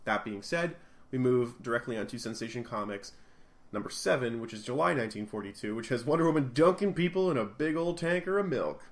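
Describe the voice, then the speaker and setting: A man casually recapping a comic book issue on a podcast. He talks in a conversational, animated way, jumping into quick impressions of the characters as he goes. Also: mid-range voice. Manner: animated retelling, acts out characters' lines. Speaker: podcast co-host.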